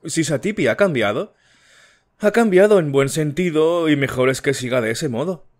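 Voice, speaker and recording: A man's voice: on the high side, animated, moderate pace, pitched above the performer's own voice, lightly acted. A man voicing a sly, fearful older woman servant who dodges questions, in an audiobook. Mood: evasive.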